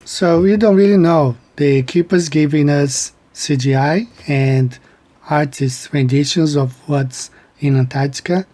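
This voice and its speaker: A man with a mellow, dark-toned voice hosts his own channel. He speaks in a rambling, conversational way, with phrases trailing and restarting. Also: on the high side, a little slow. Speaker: channel host. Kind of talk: casual commentary.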